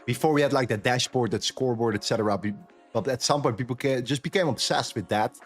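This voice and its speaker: A man from the Netherlands chats candidly on a trading livestream, repeating phrases for emphasis. He talks fast in a mid-range voice, with soft music playing in the background.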